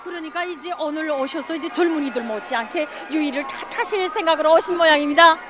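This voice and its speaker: A woman's voice: high-pitched, fast, music in the background, a crowd in the background. A woman with a North Korean accent reporting and interviewing formally as a field reporter.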